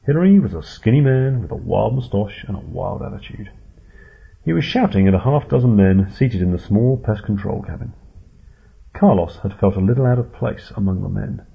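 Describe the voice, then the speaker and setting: A man's voice: fairly low pitch, lively intonation, normal speed, vocal fry, a little hiss or hum. A man narrating a story in a dry, wry way, in a tinny phone-like recording. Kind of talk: audiobook narration.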